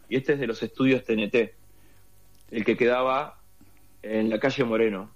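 A man's voice: mid-range voice, highs cut off. An Argentine man with a Rioplatense accent, telling a long story as an interview guest with lots of fillers. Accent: Rioplatense Spanish. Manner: rambling storyteller with many fillers. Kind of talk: casual interview conversation.

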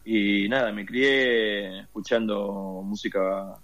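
This Argentine guest speaks slowly and flatly, his voice on the low side yet fairly bright in tone. In a casual interview, he rambles through a long story in Rioplatense Spanish, using lots of fillers.

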